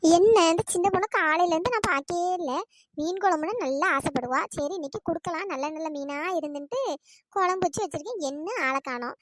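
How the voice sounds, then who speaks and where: A fussy older village woman in a cartoon story, chattering away in a very high, sped-up processed voice. She grumbles and fusses in a quick stream. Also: fairly bright tone. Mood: fretting. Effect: pitched-up cartoon voice.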